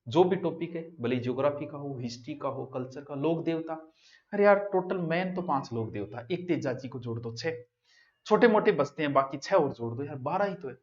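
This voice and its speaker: A man's voice: fairly high pitch, animated, moderate pace. A male coaching teacher, giving a direct, conversational exam-prep lecture to students. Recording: dull lo-fi classroom recording.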